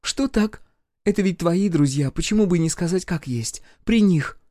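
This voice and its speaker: A man voicing a sharp-tongued young woman with a cold, sarcastic manner. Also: sits high, animated, moderate pace, no echo, studio quality, pitched above the performer's own voice. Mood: cold sarcasm.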